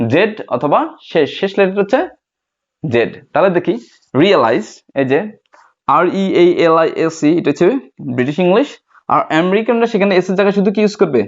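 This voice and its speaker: A Bengali-speaking man teaching an English lesson, repeating each point slowly and asking and answering his own questions. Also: high-pitched, dull audio. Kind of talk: classroom lesson.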